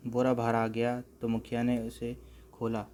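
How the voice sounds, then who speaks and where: Flat, dark-voiced male narrator. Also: medium pitch, a little slow, slight background noise. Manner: steady storytelling. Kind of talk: scripted narration of an animated comic.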